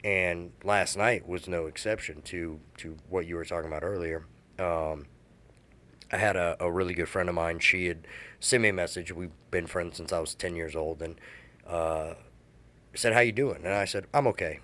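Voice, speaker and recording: A man in his thirties telling a candid personal story, halting and emotional, with many restarts. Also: sits low, steady tone, a bit bright.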